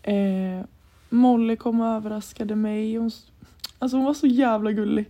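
A woman's voice: fairly high pitch, steady tone, mellow. A young woman from Sweden co-hosting a podcast, telling a story in casual chat and acting out the lines she quotes. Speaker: podcast co-host.

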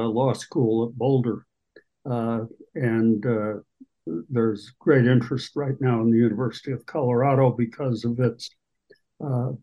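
A man's voice: medium pitch, lo-fi sound. A man in his eighties introducing himself on a video call in a rambling, hesitant way. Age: 80s. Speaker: panel guest.

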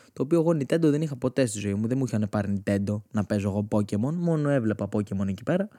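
Male comic in his 20s, mellow and husky, animated and foul-mouthed monologue. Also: mid-range voice. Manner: animated, slangy, swears freely. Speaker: comedian host.

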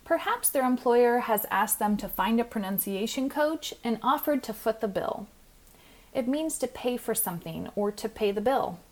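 A woman hosting a podcast lesson, speaking in a clear, measured teaching manner as a pronunciation coach. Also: on the high side, expressive. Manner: clear, measured teaching delivery, slows to spell out words.

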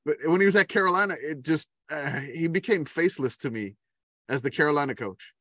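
A man's voice: fairly high pitch, expressive, a little fast, pushed and bright, no room sound. Upbeat rambling man, dry sound. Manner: enthusiastic, laughs often, rambling restarts. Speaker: podcast co-host. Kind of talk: casual sports chat.

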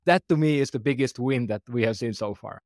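A man's voice: medium pitch, a little fast, a little mellow, no echo. Finnish man in his forties, dry sound. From Finland. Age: 40s. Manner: earnest, loose phrasing with restarts. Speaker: startup founder and guest. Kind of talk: conversational interview.

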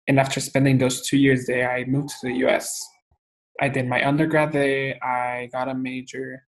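A young man from Guatemala, answering interview questions in a steady, methodical way with frequent fillers. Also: medium pitch, slight background noise, rough recording. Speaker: interview guest.

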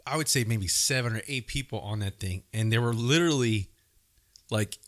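A man chats casually as a podcast co-host. His voice is mid-pitched and recorded close, with very little room sound. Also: moderate pace, no echo. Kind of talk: casual chat.

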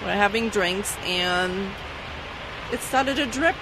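A native Dutch speaker from the Netherlands, with a Dutch accent, casually recounts stories from her time as a flight attendant and laughs often. Her voice is mid-range and slow, with noise in the background.

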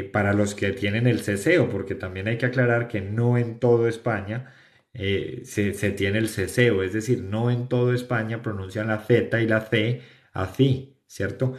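A man's voice: lowish voice, roomy sound. A man from Colombia with a Colombian Spanish accent, giving an English pronunciation lesson and often checking understanding with the class. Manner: explanatory, repeats "¿cierto?" to check understanding. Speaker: English teacher.

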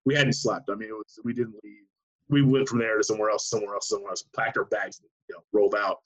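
A man who works as a sports writer, telling an animated anecdote in casual chat with many restarts. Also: lowish voice, fast talker, breathy edge, low-quality recording.

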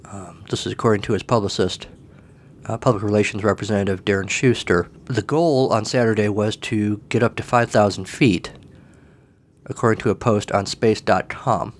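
A man with a cold, husky in voice, hosting a solo podcast from his table at home in a rambling, wry way. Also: fairly low pitch, normal speed. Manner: rambling, wry, self-deprecating. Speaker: podcast host. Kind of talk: casual solo podcast monologue.

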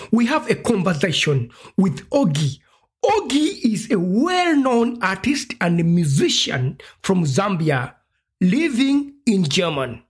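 Playful male interviewer in an echoey room. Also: sits high. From Uganda. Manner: playful, teasing, laughs often. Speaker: podcast host, interviewer. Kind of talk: casual interview chat.

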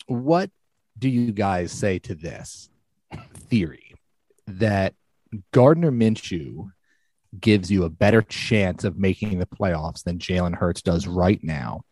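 A man's voice: low-pitched, takes it slowly, a little mellow, no room sound. A man hosting a casual sports podcast, joking and teasing his co-hosts. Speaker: podcast host.

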